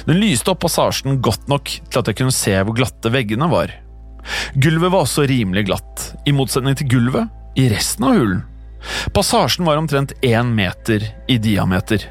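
A man narrates a scripted first-person horror story, keeping his delivery tense and hushed. His voice sits at an ordinary middle pitch, and faint music plays softly beneath the narration.

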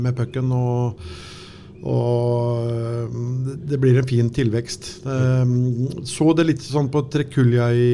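Male hockey pundit, soft relaxed tone, halting delivery, some background noise. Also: medium pitch. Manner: halting, measured, thinking aloud. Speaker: hockey podcast co-host and pundit. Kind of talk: casual sports analysis.

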